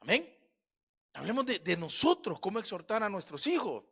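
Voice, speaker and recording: A middle-aged male pastor preaching a sermon in church, swinging between loud exhortation and soft, chatty asides. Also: high voice, big pitch swings, normal speed, creaky, husky.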